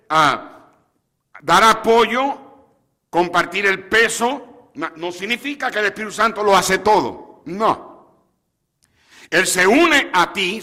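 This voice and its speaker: A pastor preaching in a church, his voice high for a man and bright. He calls out questions to the congregation, and a long hall reverb trails after his words. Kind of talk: sermon. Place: church sanctuary.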